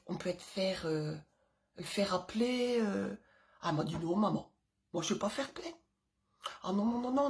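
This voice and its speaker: Middle-aged woman, casual chatty monologue to camera, rambling and animated, full of fillers and sudden whispered asides. Mid-range pitch. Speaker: vlogger, mother of several children.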